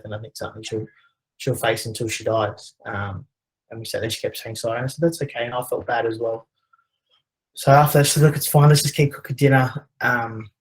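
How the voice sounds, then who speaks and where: A young Australian man telling a personal story in a webinar, conversational and quick, with hesitations and lots of quoted dialogue. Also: medium pitch, a bit bright, low-quality recording. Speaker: presenter.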